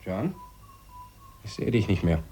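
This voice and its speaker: In a German science-fiction radio play, an actor voices a sardonic, worried astronaut keeping watch over his partner. His low, warm voice moves slowly with big pitch swings, and the heavily acted delivery comes out dry, sceptical and pressing, both concerned and sardonic.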